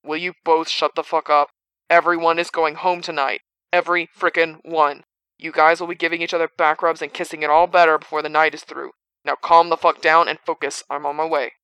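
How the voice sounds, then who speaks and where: A woman's voice: low-pitched, level tone, brisk, fairly bright tone, clear, resonant tone, dry recording, rough recording. A woman voicing Bob, a blunt, commanding man speaking over a walkie-talkie. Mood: impatient. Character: gruff man, bossy friend on a walkie-talkie.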